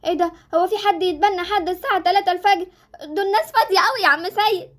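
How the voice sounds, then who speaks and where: A woman voicing a cheeky, impatient young orphan girl in a Roblox story, speaking with an Egyptian accent in a high, childlike, mouthy voice. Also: very fast, fairly bright tone. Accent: Egyptian Arabic.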